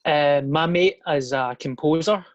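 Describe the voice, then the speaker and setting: A man hosting a podcast with a fairly high-pitched voice, recorded dry and close with no room sound. He keeps things laid-back, laughing often and swearing casually. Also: measured pace, no room sound, lo-fi sound. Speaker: podcast host.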